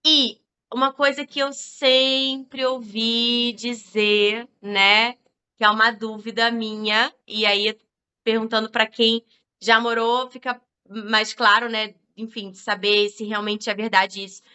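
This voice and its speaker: A woman's voice: a little high, level tone, slow, pushed and bright, clean tone, muffled recording. A Brazilian woman with a Brazilian Portuguese accent who hosts a podcast and asks rambling questions full of fillers. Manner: rambling, many fillers like "tipo assim". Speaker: podcast host. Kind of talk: casual podcast interview.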